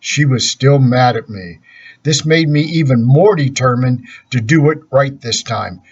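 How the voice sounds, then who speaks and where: A man reads a children's story aloud at a steady, unhurried pace. His voice is husky and sits at an ordinary middle pitch. The recording sounds dull and lo-fi. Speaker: storybook reader.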